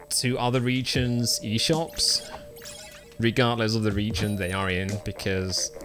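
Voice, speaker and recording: A fairly low, slightly bright male voice chats over game music during a gaming live stream. He talks casually with viewers, rambling along with many ums and uhs.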